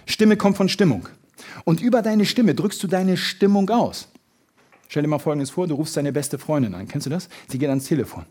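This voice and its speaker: A man giving a motivational sales seminar, lively and full of emphasis, acting out little everyday scenes. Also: on the high side, normal speed, breathy edge. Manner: lively, shifts loud and soft for emphasis, acts out little scenes. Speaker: sales trainer.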